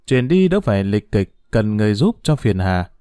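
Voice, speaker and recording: A male storyteller narrates with a lively, expressive delivery at a moderate pace. His pitch swings widely, and his voice is smooth. The recording is dry and close-miked.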